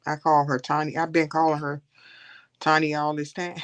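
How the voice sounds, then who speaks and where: A woman's voice: sits low, flat delivery, normal speed, clean tone. A woman hosting a casual coloring livestream, rambling and chatting with her viewers. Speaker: livestream host.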